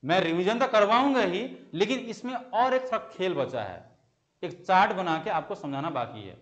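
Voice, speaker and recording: Young male teacher, high voice, exam-prep grammar lesson, asks and answers his own questions. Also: expressive, normal speed, lo-fi sound. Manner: asks the class questions and answers them himself, repeating key terms.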